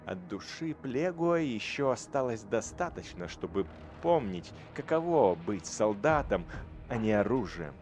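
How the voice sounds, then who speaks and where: A man giving dramatic audiobook narration of a dark war story, swelling his voice on the violent passages. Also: fairly low pitch, big pitch swings, measured pace, faint music behind.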